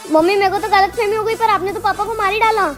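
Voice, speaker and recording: Woman doing a comedy skit, super high and quick, bit of music behind. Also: fairly even intonation. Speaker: comedy sketch actor. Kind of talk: family comedy skit acting. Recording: light background music.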